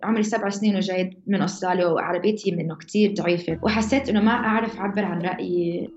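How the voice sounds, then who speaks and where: A young woman with a mixed Levantine Arabic accent tells her own story casually as an interviewee, often restarting mid-phrase. Her fairly low, darkish voice is steady in tone and rapid-fire, and the recording sounds roomy and slightly dull, with music underneath.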